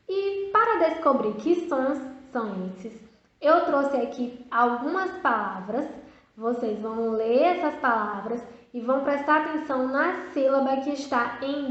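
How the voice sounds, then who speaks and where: A woman teaching a video lesson for young children, modeling words slowly and drawing out each one with sing-song prompts. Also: sits high. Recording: echoey, dull lo-fi room sound.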